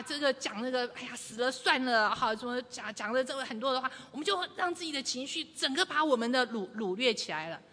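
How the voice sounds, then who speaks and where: A woman giving a lively church teaching, acting out quoted lines with humor. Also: high-pitched. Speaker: church speaker. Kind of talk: sermon teaching to a congregation. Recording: long reverb of a large hall.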